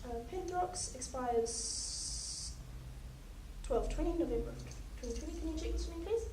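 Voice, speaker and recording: At a normal speed, a young woman with a high voice that's giving out talks a patient through each step of a clinical skills demonstration for her paramedic practical exam. She is calm and instructive, and the audio is distant, echoey and noisy.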